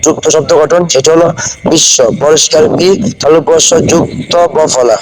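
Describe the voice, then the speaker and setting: A man's voice: on the high side, steady tone, a loud crowd. Man teaching spelling, echoing hall sound. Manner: slow, repeats each word and asks if understood. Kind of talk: spelling lesson. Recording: long hall reverb.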